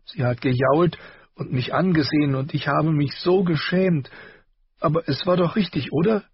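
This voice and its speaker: A man voicing a stubborn, tearful young girl in an audiobook, speaking in a high, strained, husky voice with rushed outbursts. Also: no echo, highs cut off. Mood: ashamed. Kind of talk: audiobook character voice.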